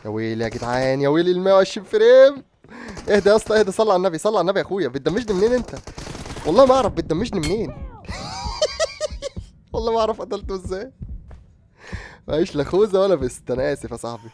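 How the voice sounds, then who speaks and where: Young Egyptian man, gaming commentary, fast and lively pitch, excitable, exclaiming. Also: slight background noise. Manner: excitable, exclaiming, laughing often. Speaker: gaming streamer. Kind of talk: live gameplay commentary.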